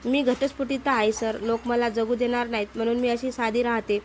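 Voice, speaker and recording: A woman's voice: a little high, level tone, fairly quick, slight background noise, lightly acted. A woman voicing a modest, hesitant divorced woman who keeps turning down a proposal. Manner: hesitant, pleading.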